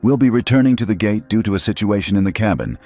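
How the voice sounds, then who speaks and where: A man's voice: on the low side, fast talker, mellow, voice pushed up, natural voice. A man voicing an airline captain making formal announcements over the intercom.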